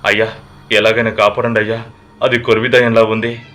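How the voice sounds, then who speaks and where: A frightened young man pleads for rescue in a horror tale, voiced by a male narrator. His tone is sharp and strained with panic, sitting fairly low. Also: little pitch movement, brisk, soft background music, lightly acted. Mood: pleading.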